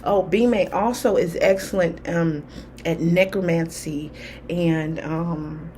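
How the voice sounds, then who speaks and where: A woman's voice: on the low side, fairly even intonation, takes it slowly, warm tone, a little hiss or hum. A woman talking candidly to camera in a rambling, casual way, full of fillers. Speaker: spiritual vlogger. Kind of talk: casual personal talk to camera.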